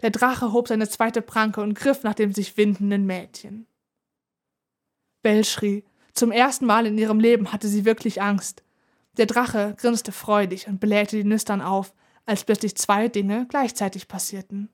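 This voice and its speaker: A woman narrating a children's adventure story aloud in an even, expressive way. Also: medium pitch, a little slow. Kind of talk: storybook reading.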